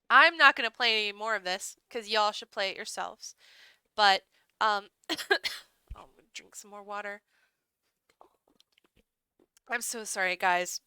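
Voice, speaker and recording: A woman's voice: medium pitch, takes it slowly, long pauses, bright, forceful tone, clean tone, dry recording. A woman streamer reading a visual novel aloud with chatty, laughing asides, her throat drying out. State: voice going hoarse, throat dry.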